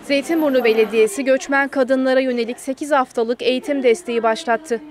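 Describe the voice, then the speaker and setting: A woman's voice: high-pitched, fairly even intonation, brisk, background noise. A woman reads scripted news narration as a reporter's voice-over. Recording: crowd chatter under voice-over. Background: room chatter.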